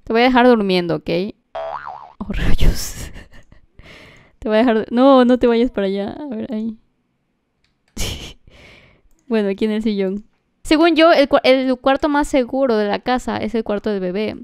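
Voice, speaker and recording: A woman doing let's-play commentary, excitable, shrieking and gasping as she talks straight to her viewers. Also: a little high, moderate pace, long pauses, clear, resonant tone, dry recording, studio quality. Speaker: gaming streamer.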